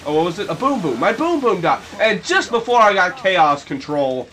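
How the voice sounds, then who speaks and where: Goofy high-voiced man narrating gameplay. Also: big pitch swings, moderate pace, bright, forceful tone, a little hiss or hum. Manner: goofy, rambling, with sudden shrill yelps. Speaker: let's play commentator. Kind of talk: casual gameplay commentary.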